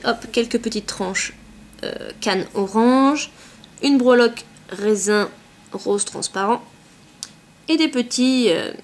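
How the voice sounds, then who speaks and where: A woman vlogger chatting casually as she unboxes craft supplies at home, often saying euh and hop. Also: a little high. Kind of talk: casual unboxing show-and-tell.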